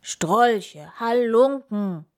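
A woman voicing a big, gruff but kind male bear in a read-aloud storybook, grumbling his lines. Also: deep voice, steady tone, slow pace. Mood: grumbly.

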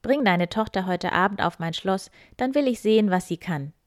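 Woman doing a greedy fairy-tale king who barks orders, loud and recorded dry. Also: medium pitch, lively intonation, moderate pace, no room sound, lightly acted. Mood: commanding. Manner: loud, commanding.

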